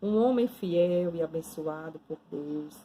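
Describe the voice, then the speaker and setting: A woman, a nun giving a devotional, telling a story in a slow, dramatic second-person way. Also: fairly low pitch, lively intonation, mellow, slight background noise, poor audio.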